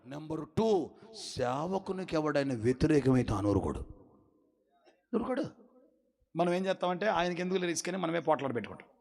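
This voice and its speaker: Lively gravelly preaching man. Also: on the high side, a little fast, pauses often. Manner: preaching with call-and-response to the congregation; swings between shouts and quiet asides. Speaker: pastor. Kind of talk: sermon.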